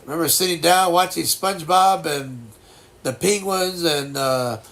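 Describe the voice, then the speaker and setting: Guy in his 60s just chatting on stream, nose all plugged up, gravelly, kinda halting and folksy. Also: on the high side, a bit bright. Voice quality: congested, blocked-nose sound. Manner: halting, reflective, folksy reassurance. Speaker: livestream host chatting with viewers. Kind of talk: casual chat.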